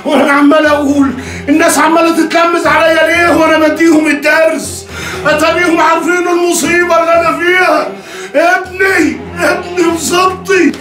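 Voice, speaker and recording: An actor playing a middle-aged, pious, furious Egyptian father who shouts and wails curses at his son. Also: very high-pitched, fast talker. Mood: raging. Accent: Egyptian Arabic. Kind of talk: TV drama acting. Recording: echoey room, distant mic, music.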